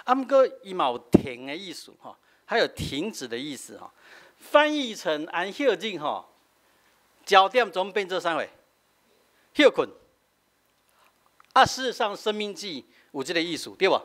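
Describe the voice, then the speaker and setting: A man's voice: high-pitched, very animated, moderate pace, pauses often, a bit bright. A middle-aged man with a Taiwanese accent, a pastor explaining scripture in a teaching sermon, tagging his sentences with a short "hah". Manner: explanatory, frequent filler "hah" tags, switching between Taiwanese and Mandarin.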